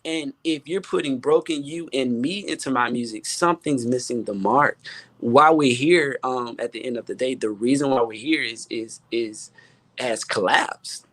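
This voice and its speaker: On a panel, a male music producer talks with fervent, sermon-like conviction, leaning on repetition for emphasis. His mid-range voice has a fairly bright tone and a moderate pace, with no echo in the recording.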